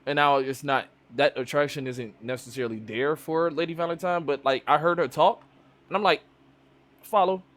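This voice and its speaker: A man from Chicago hosting a live stream, chatting casually in a loose, profane, animated way. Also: a little high, a little fast. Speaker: streamer host. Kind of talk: casual chat.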